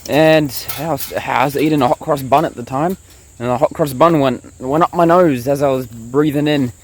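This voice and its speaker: At medium pitch and a moderate pace, the young bushcraft vlogger talks directly to his viewers in a relaxed, rambling way. He's unwell with a blocked nose and sore throat, filming handheld outdoors in the bush while insects sound in the background.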